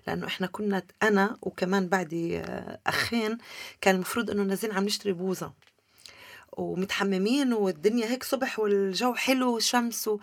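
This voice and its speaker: A woman with a Palestinian Levantine Arabic accent tells personal stories in an interview. She talks quickly, with a creaky edge to her voice. The sound is close and dry, with very little room. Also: medium pitch, no echo. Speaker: interview guest. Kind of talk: personal storytelling in a conversational interview.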